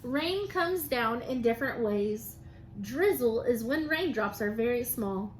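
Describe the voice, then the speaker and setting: Fairly high-pitched and animated, she speaks at a measured pace on a low-quality recording with noticeable background noise. As a teacher, she reads to young children and explains science in plain, encouraging terms.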